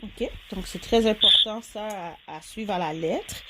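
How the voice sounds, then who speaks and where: A woman's voice: mid-range voice, measured pace, very noisy. A woman, hosting an interview and asking long, hesitant questions. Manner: hesitant questions with many "euh" fillers. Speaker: host. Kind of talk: casual interview.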